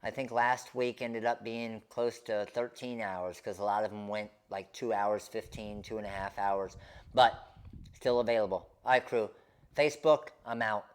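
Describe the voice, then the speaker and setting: A man's voice: on the low side, fairly even intonation, moderate pace, smooth. A man hosting a craft live stream, chatting casually and informally with his viewers.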